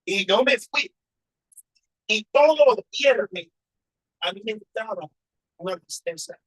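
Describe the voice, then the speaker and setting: Husky-voiced man preaching a testimony. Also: high voice, lively intonation, slow pace, fairly bright tone, dry recording, low-quality recording. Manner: emotional storytelling with rhetorical questions. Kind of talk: personal testimony sermon.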